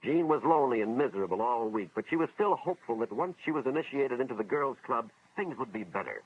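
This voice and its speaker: A man's voice: medium pitch, animated, fast, a little hiss or hum, close to an everyday voice. An American man acting as an earnest school official, narrating a 1950s educational film in a dramatic, moralizing storytelling style. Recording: dull vintage film soundtrack, music behind.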